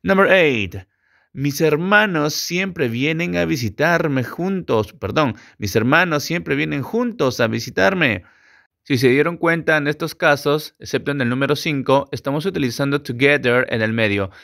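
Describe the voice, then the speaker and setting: Slow, encouraging man teaching English. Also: a little high, gravelly, fairly bright tone. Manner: slow, drilled repetition of example sentences; friendly, encouraging asides to the viewer. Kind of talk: video English lesson in Spanish.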